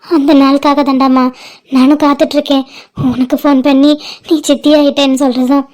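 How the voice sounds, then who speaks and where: High-voiced woman in a cartoon drama. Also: little pitch movement, brisk, a little mellow. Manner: emotional, pleading, affectionate sisterly talk. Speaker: voice actor for animated family drama.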